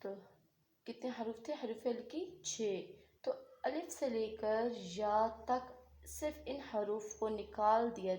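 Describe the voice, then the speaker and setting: A woman's voice: medium pitch, dark tone, slight background noise. Echoey, patient woman teaching Quran recitation. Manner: patient, repeats questions and answers them herself. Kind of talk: online tajweed lesson.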